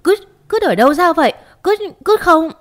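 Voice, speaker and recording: A woman's voice: very high voice, animated, normal speed, voice pushed up. A woman reading a storybook who voices a spoiled young female rival, shrieking and hysterical.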